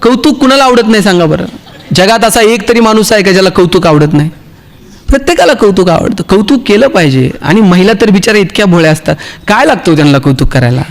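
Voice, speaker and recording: A man with a Marathi accent delivers a motivational speech, and his voice sits noticeably high for a man. He tells humorous stories and acts out the dialogue of each character for his listeners. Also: expressive, fast talker. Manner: storytelling, acts out dialogue, jokes with the audience. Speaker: motivational speaker.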